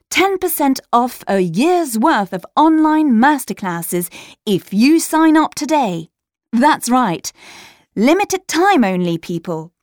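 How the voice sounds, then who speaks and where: A woman's voice: high voice, no echo. A woman reading a scripted podcast sponsor message in an upbeat, boastful sales tone, recorded in a studio. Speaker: voice actor reading an exam audio script.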